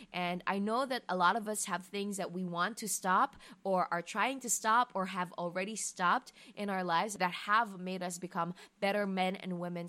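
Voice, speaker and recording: A woman's voice: mid-range voice, fairly bright tone. Earnest young Filipino woman podcaster. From Philippines. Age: 20s. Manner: earnest, talks straight to the listener, mixes in Tagalog words. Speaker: podcast host. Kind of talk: casual solo podcast advice talk.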